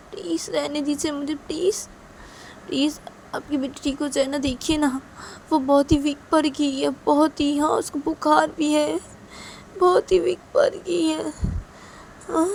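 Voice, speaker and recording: A woman's voice: high voice, fairly even intonation, a little slow, creaky, slight background noise, pitched above the performer's own voice. A woman doing a pleading, tearful young woman. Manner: pleading, soft, repetitive.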